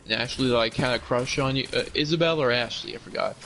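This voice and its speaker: A man's voice: medium pitch, fast talker, fairly bright tone, a little hiss or hum. A man chatting casually while gaming, profane and teasing his friend. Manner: profane, teasing, laughs a lot. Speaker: friend playing along.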